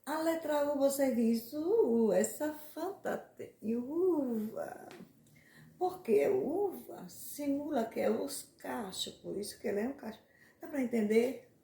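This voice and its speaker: A woman's voice: sits high, normal speed, gravelly, dark tone, far from the mic. A woman in a casual monologue, rambling and repeating words as she explains letter sounds in names, laughing at herself now and then. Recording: echoey room, faint background noise.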